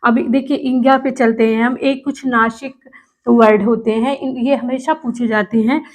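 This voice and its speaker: A woman's voice: on the high side, fairly even intonation, moderate pace. A woman teaching a lesson, patiently sounding out syllables one by one and asking her students questions as she explains. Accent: Hindi. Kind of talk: classroom lesson.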